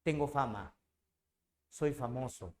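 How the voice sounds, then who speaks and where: A man's voice: mid-range voice, takes it slowly, pitched below the performer's own voice, natural voice. A man acting out an aging knight who has come back to his senses, speaking in an impassioned way. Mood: moved.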